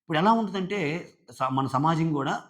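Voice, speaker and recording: A man's voice: fairly high pitch, lively intonation, moderate pace, fairly bright tone. A man reviewing a reality show in casual commentary, retelling scenes and quoting the contestants.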